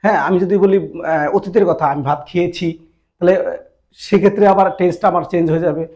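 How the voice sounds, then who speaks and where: A man's voice: sits high, fairly even intonation, fast talker, darkish tone, lo-fi sound. A man teaching a language grammar lesson, patiently repeating each point and pointing viewers to their textbook. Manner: addresses viewers directly, pointing them to the book.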